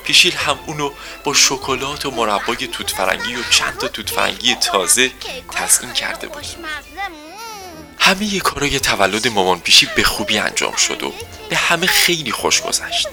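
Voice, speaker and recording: A man narrating a children's story in a gentle storytelling manner. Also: mid-range voice, wildly swooping pitch, music in the background.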